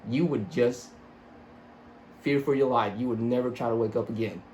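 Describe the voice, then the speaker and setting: A man's voice: medium pitch, moderate pace, a little mellow, a little hiss or hum. A young man speaking slightly slurred through braces, giving a casual, rambling, self-deprecating and sweary sneaker review in a home room. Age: young adult. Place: small home room with computer desk.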